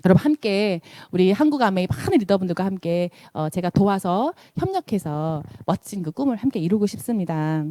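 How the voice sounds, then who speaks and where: A woman's voice: expressive, fairly quick, few pauses, mellow, no echo. A middle-aged woman from South Korea, an invited seminar speaker, tells a story in a motivational speech and acts out the quotes. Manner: storytelling, acts out quotes with big swings in pitch.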